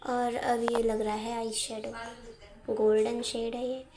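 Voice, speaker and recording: A woman's voice: fairly high pitch, little pitch movement, takes it slowly, crowd noise. A young woman narrating a casual home vlog in a chatty, giggly, self-teasing way. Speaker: vlogger. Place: home, indoors.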